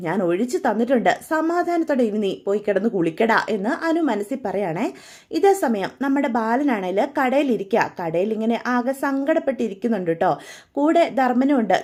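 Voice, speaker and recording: A woman's voice: a little high, darkish tone. A woman retelling a serial story in a casual, chatty way, acting out every character's lines.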